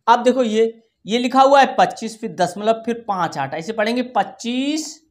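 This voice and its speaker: A woman's voice: on the high side, expressive, normal speed. A woman teaching a primary school maths lesson to children, patiently repeating each number digit by digit and often checking whether they follow. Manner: keeps checking in with "theek hai".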